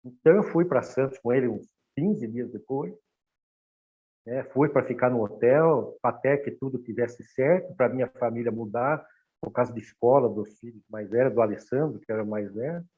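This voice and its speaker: A man's voice: medium pitch, moderate pace, phone-quality sound. Brazilian guy telling his life story, acts out the dialogue, sounds like it's coming through a phone. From Brazil, São Paulo state. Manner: animated storytelling, acting out quoted dialogue. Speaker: guest speaker. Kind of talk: personal testimony.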